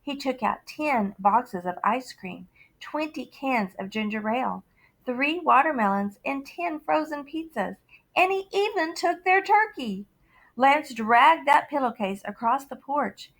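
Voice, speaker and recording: A woman teacher reading a picture book aloud to her students, expressive with dramatic pauses and sudden shouts. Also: sits high, low-quality recording.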